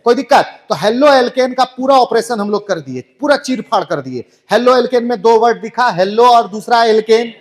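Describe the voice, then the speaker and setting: Casting: a man as a joking chemistry tutor, high voice, online class. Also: brisk, hardly any pauses. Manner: playful, jokey, full of rhetorical questions. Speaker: chemistry teacher.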